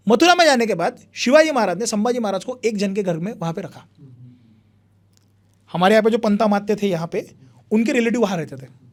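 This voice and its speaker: A young man, a history speaker, telling a long story in animated conversation and acting out what people said. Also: high voice, a little fast, pauses often. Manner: animated retelling with repeated phrases, acts out quotes.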